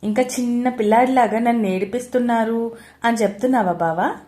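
A woman's voice: fairly high pitch, brisk, dark tone, lightly acted. A woman voicing Dev, a proud young father who answers with dry, needling retorts.

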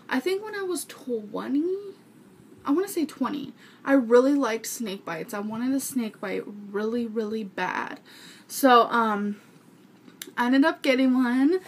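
Woman, twenties, somewhat high pitch, casual vlog chat, informal, earnest, rambling, small room, camera mic, slight background noise. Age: 20s. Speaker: vlogger answering viewer questions. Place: small furnished bedroom indoors. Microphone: webcam or camera mic at arm's length.

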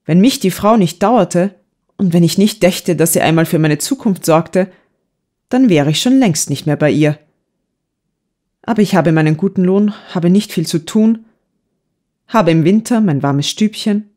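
A woman's voice: fairly low pitch, lively intonation, measured pace, warm tone. A woman reading a middle-aged maidservant who mutters complaints half to herself in an audiobook. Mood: grumbling. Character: grumbling middle-aged female servant.

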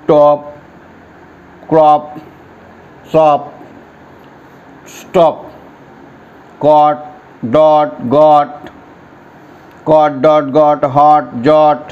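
A primary school teacher speaking slowly and patiently, drilling words and sentences for young children in an online lesson. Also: male voice, a little high, darkish tone, muffled recording. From West Bengal, India.

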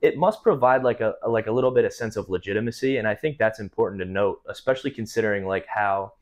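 Young male podcast host, lowish voice, thoughtful long-winded questions, small studio. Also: fast. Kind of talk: casual interview. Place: small indoor studio room.

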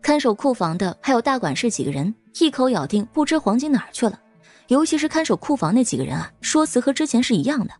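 A woman narrating an audio drama in a lively, expressive storytelling manner. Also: a little high, fast talker, soft background music.

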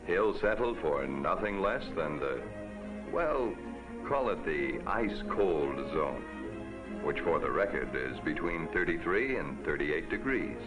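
A man narrating a 1950s TV commercial as a folksy, upbeat pitchman. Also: very animated, slow pace. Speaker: commercial announcer. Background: music.

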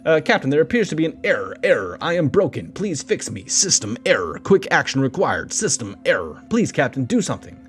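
A man's voice: a little high, sing-song, fairly quick, hardly any pauses. A man voicing a malfunctioning shipboard computer assistant that is glitching and pleading for repair. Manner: pleading and urgent. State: glitching, reporting system errors. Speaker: game player reading the game's text aloud. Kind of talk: let's play narration.

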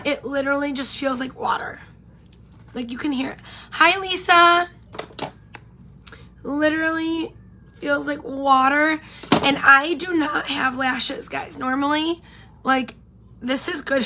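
Her high voice is bright and forceful, though worn and on the verge of giving out, with slight background noise. A woman in her thirties and beauty vlogger, she hosts a casual get-ready-with-me live chat, rambling and addressing viewers by name while doing makeup indoors under pink neon, close to a front-facing camera.

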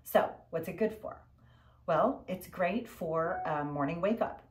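An older woman leads a guided breathing lesson in a low voice. She speaks slowly, in measured instructional phrases, leaving pauses between them. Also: noisy background. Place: furnished living room, indoors.

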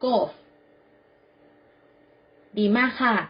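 A woman teaching children English vocabulary, saying each word clearly and spelling it out letter by letter. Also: drawn-out words, dull audio. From Thailand. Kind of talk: slow classroom vocabulary drill.

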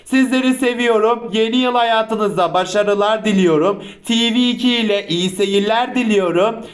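A man's voice: high voice, normal speed. A man chatting casually as the host of a reaction video. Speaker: YouTube host.

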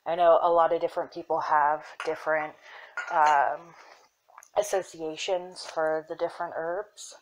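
A young woman casually showing her herb collection, soft-spoken and unhurried, with fillers and self-corrections that sometimes drop into a whisper. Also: deep voice, fairly even intonation, slight background noise, poor audio. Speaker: apothecary shop owner. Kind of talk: casual show-and-tell.

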